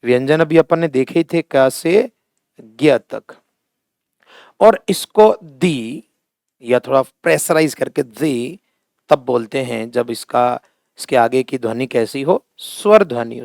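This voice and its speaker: A middle-aged male teacher with a Hindi accent, talking at an unhurried pace in a raised, gravelly voice. He stretches out the words he wants remembered and calls his students fondly by family terms. The sound is close and dry. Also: medium pitch, lively intonation, darkish tone, no echo. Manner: slow, emphatic, drawn-out words when stressing pronunciation; addresses students fondly as "beta" and "bhaiya". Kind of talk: classroom lesson at a board.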